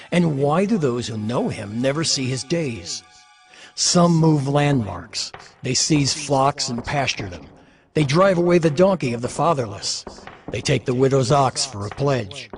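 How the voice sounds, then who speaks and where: A man plays Job, the suffering biblical figure, bitter, anguished and defiant before God. His middling-pitched voice laments solemnly and declaims in the style of dramatized scripture, with prominent music beneath it.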